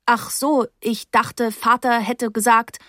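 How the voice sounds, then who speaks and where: A woman's voice: fairly high pitch, fairly even intonation, sharp tone, no room sound, clean studio sound, voice pushed up. A woman voicing a shy teenage girl who answers hesitantly with many fillers. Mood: awkward. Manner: hesitant, halting, full of fillers.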